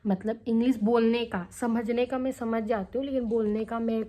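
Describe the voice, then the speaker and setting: A woman's voice: fairly high pitch, steady tone, moderate pace, warm tone. A young adult woman vlogging casually to the camera, chatty and candid, often checking in with her viewers as she talks. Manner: chatty, candid, tags lines with "theek hai" and "hai na".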